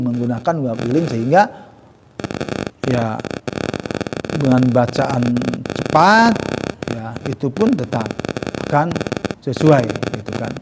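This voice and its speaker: Slow-speaking teacher in a reverberant hall. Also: male voice, fairly high pitch, a little mellow. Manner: slow and drawn out, fillers like "gitu kan"; spells verses syllable by syllable. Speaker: Quran recitation teacher. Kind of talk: tajwid lesson with recited examples.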